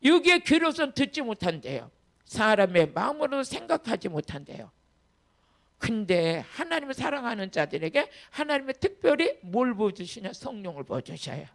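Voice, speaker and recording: A woman's voice: on the high side, sing-song, moderate pace, creaky. A woman pastor preaching a revival sermon, emphatic and leading the congregation in reading scripture aloud. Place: church retreat hall.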